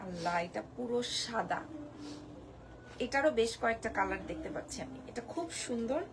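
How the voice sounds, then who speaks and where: A hoarse woman presenting a live-stream sari sale from Bangladesh, gushing over each piece and repeating prices and discounts. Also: fairly high pitch, lively intonation, moderate pace, noisy background. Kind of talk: live-stream sales pitch.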